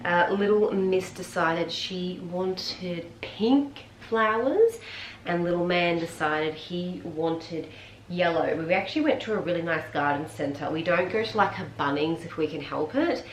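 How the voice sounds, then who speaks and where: Aussie mum rambling on while she folds washing, a bit hoarse, lowish voice, echoey room w faint hum behind. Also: measured pace. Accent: Australian. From Australia. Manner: chatty, rambling, frequent ums. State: a little hoarse and tired. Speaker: vlogger. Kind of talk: casual chat while folding laundry. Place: room at home.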